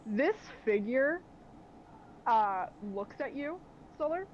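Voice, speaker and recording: A woman's voice: sits high, lively intonation, slow. A woman narrating a tabletop game as game master in a casual, chatty way, on a slightly dull recording with faint noise. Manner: casual, chatty, filler-heavy.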